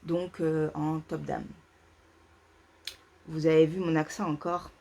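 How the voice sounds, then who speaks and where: Une femme qui anime un vlog de tricot sur un ton décontracté, en hésitant beaucoup, avec de nombreux « euh ». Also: female voice, deep voice, flat delivery, moderate pace, darkish tone. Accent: French. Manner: hesitant, many fillers and restarts. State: feeling too warm. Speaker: knitting podcast host. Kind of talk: casual knitting vlog chat. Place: parents' home, indoors.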